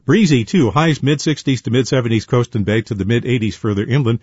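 A man's voice: mid-range voice, fast talker, darkish tone, slightly rough, dry recording. A man reading station announcements, sponsor messages and the weather, heard through a tinny radio. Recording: dull lo-fi radio broadcast.

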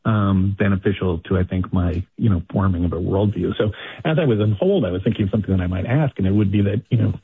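A man calling in to a radio show, earnest and halting with many fillers and repeats, heard over a phone line. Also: low voice, husky, no room sound. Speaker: caller. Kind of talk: radio call-in.

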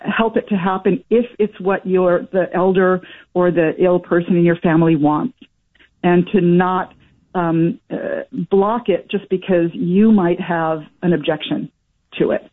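A woman calling in to a radio show over a phone line, telling a personal story with many ums and uhs. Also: fairly low pitch. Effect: caller heard over a phone line on a radio show.

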